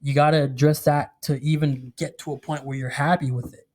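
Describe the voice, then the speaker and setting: Man, podcast guest, slightly high voice, loose rambling talk, lots of "you know". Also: level tone, a little fast, a little mellow. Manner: casual, filler-heavy storytelling with many restarts. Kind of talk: candid conversational interview.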